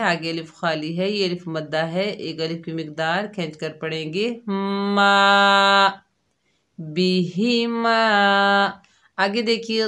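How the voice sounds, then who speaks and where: A woman teaching Quran recitation rules step by step, explaining each letter patiently and then chanting the syllables drawn out and louder. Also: fairly low pitch. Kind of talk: tajweed lesson, slow syllable drills.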